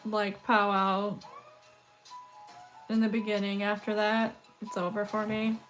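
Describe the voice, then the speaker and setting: Woman, 30s, livestream host; relaxed slow chatter, weak scratchy voice, faint music in the background. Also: medium pitch. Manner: chatty, rambling, laughs often. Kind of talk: casual chat while beading.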